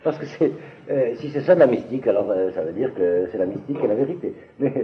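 Man lecturing with lively pitch, tinny recording. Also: quick pace. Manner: hesitant, restarts, asks if clear. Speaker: teacher. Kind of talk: lecture on biblical texts.

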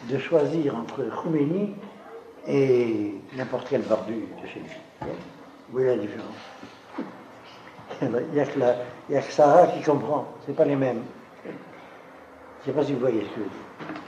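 A male Torah teacher in a roomy, echoing space, with steady noise running behind his voice. He reads Hebrew verses aloud and then explains them in a relaxed, conversational way, teasing his class as he goes. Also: medium pitch, moderate pace, long pauses. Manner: teasing, conversational, jokes with listeners. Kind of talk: lecture to a live class. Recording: echoey room with background noise.

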